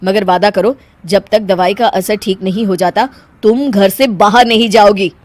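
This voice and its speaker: A woman's voice: fairly even intonation, moderate pace, darkish tone, dry recording, natural voice. A woman voicing an exasperated young husband. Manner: firm, lowered voice.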